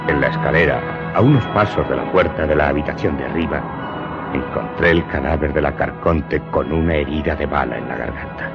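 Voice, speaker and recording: In a radio drama, an actor with a rumbling, gravelly low voice plays a humble, haunted Corsican smuggler turned servant confessing his story. He tells it deliberately and deferentially, in a grave, haunted mood, and the audio is muffled beneath prominent music.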